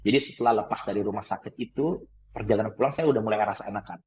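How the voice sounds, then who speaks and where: A man telling a personal story in conversation, animated, laughing often and acting out the dialogue. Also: lowish voice, racing, dull audio, slight background noise. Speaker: guest trainer.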